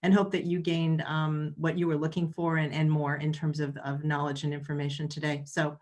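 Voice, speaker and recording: A woman's voice: low voice, little pitch movement, brisk, a little mellow. Chatty woman wrapping up a webinar. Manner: chatty, many ums and restarts. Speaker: event organizer closing a webinar. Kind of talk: casual closing remarks. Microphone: video call.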